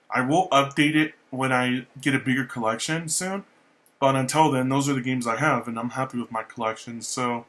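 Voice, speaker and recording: Casual young man rambling on camera. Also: medium pitch. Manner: relaxed, rambling, repeats himself, swears casually. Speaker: YouTuber showing his game collection. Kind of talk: casual vlog talk.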